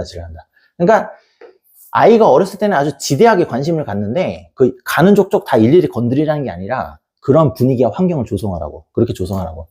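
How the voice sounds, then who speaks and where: A man's voice: mid-range voice, warm tone, breathy edge. A man giving a blunt, colloquial parenting lecture to camera, acting out little scenes and swearing freely. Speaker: education YouTuber and tutor.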